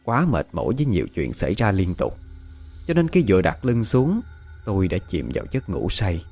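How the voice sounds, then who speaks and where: Male ghost story narrator, low and expressive. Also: moderate pace. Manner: dramatic, expressive, panicked cries in character.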